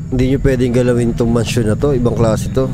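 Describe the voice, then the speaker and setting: A man's voice: medium pitch, steady tone, fast. 30s guy reacting to a haunted house vid, gets creeped out, headset mic, hiss in the background. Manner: awed exclamations, easily spooked. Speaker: streamer reacting to a video. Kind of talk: casual reaction commentary. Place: small room at home. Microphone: studio mic with headphones.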